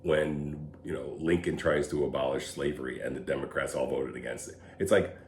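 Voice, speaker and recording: Deep-voiced, blunt man with roomy echo. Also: fairly even intonation, fairly quick. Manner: blunt, opinionated, chuckles often. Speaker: podcast co-host. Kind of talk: casual political chat. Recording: roomy echo, faint background hum.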